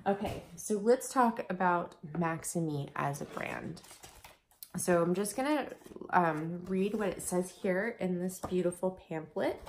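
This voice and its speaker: A slightly hoarse woman vlogger chatting casually and upbeat through a beauty product review. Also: lowish voice, expressive, a little slow, slight background noise. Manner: chatty, upbeat, laughs often.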